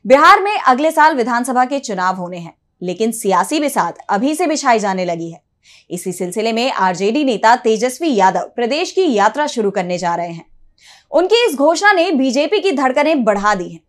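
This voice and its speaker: Animated high-voiced woman delivering breaking news. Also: moderate pace. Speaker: news anchor. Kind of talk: breaking news presentation, scripted.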